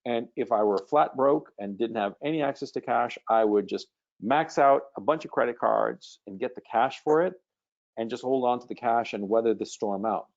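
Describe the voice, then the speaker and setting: A man's voice: medium pitch, moderate pace, creaky, darkish tone, lo-fi sound. A man hosting a live webinar Q&A as a coach, talking bluntly and casually and swearing freely.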